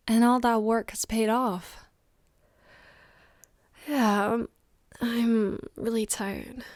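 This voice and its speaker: Soft higher voiced woman playing a tired loving girlfriend, ASMR role-play asmr, tender and intimate, close dry sound. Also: dry recording, natural voice. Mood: modest pride, then wistful, tender. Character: loving, tired young girlfriend on a late-night phone call.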